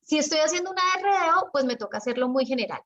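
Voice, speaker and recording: A Colombian woman leading an online business coaching session, talking in a lively way and acting out her examples with long pauses. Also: highs cut off. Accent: Colombian Spanish. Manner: chatty and animated, acts out examples with pauses and lowered tone. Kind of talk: live video call coaching.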